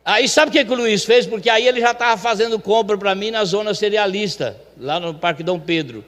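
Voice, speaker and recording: High-voiced man telling a story from the pulpit. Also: a little fast. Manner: chatty, animated, acts out the voices of the people in his story. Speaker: church elder telling a testimony. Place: church sanctuary. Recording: long reverb of a church hall.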